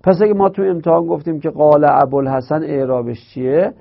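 A man teaching a grammar lesson in speech, explaining step by step and slowly repeating key terms. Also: fairly high pitch, fairly even intonation, creaky. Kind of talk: Arabic grammar lecture. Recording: dull lo-fi recording.

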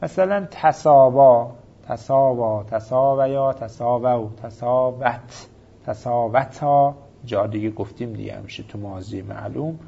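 A man's voice: medium pitch, a little mellow, breathy edge. A man teaching a grammar lesson, patiently reciting verb forms in methodical lists. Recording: dull lo-fi recording.

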